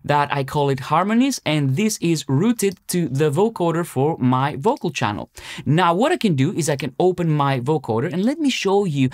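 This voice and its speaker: Indoors in a small home-style music studio, a man in his thirties presents a tutorial, walking through music production step by step in a conversational way. His fairly high voice is captured at studio quality with no echo.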